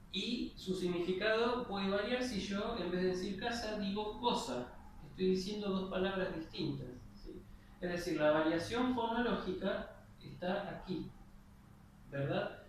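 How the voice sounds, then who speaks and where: A man giving a spoken grammar lesson, explaining patiently and checking in with his listeners. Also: high-pitched. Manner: explanatory, with frequent "¿sí?" checks and restarts. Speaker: lecturer. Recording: very echoey, distant mic, faint noise.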